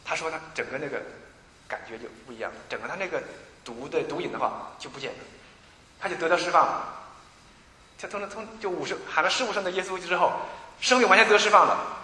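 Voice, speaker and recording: A man preaching a sermon, telling stories in an animated way, with many restarts and repeated words. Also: on the high side, fast, roomy sound, long reverb tail, a little hiss or hum, low-quality recording. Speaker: pastor.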